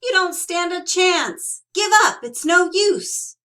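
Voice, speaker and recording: A woman voicing a greedy, excitable male squirrel who hoards food, exclaiming emphatically in a storybook read-aloud. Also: extremely high pitch, slow, voice pushed up, exaggerated voice. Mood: combative.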